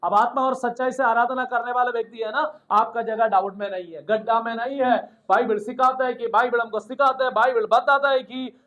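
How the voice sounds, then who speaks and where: A male pastor preaching a sermon with call and response, building to shouts of hallelujah. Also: very high voice, fairly even intonation, a little fast, hardly any pauses.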